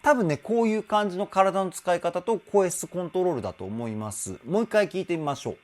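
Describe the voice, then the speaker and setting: A man's voice: sits high, animated, fairly quick, soft background music. A male vocal trainer giving an enthusiastic, explanatory song analysis and now and then singing short phrases to demonstrate.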